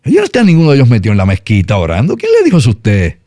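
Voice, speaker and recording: A man's voice: medium pitch, wildly swooping pitch, very fast, mellow, no echo, studio quality. A middle-aged Puerto Rican man with a Puerto Rican accent, explaining world politics in a casual, emphatic talk-show style. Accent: Puerto Rican Spanish. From Puerto Rico. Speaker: news commentator.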